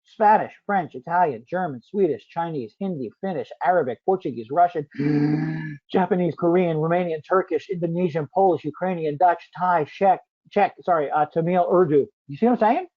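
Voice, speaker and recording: This software demo presenter from the United States speaks at normal speed in a slightly high voice. Hosting a live webinar product demo, he keeps things chatty, adds "right?" to his points, and replies to viewers by name, all captured in muffled, lo-fi sound.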